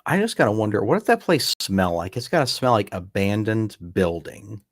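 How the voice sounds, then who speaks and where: Deep-voiced man in dry commentary. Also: moderate pace, dry recording. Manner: relaxed, rambling, talks in restarts. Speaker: podcast co-host. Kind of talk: casual film commentary chat.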